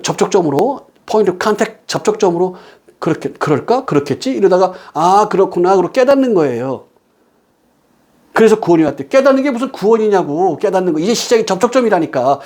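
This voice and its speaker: A male preacher with a fairly high voice, delivering a sermon. He presses his points hard and asks rhetorical questions. Between those stresses he drops into a quieter storytelling tone.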